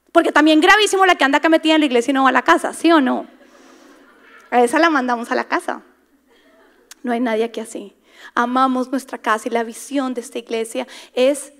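High-voiced woman preaching a sermon. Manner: dramatic, drops to whispers for emphasis; acts out inner voices, asks the crowd to repeat words. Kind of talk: sermon to a women's congregation.

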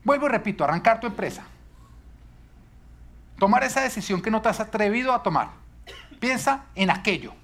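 A man's voice: high-pitched, lively intonation, brisk, gravelly, long pauses, a bit bright. A male pastor preaching a sermon, emphatic and full of rhetorical questions.

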